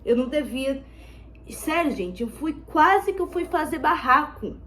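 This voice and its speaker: A woman's voice: sits high, expressive, a little slow, fairly bright tone, slight background noise. A girl telling a story in a casual vlog while doing her makeup, rambling and repeating herself and calling out to her viewers again and again. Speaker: vlogger. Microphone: phone.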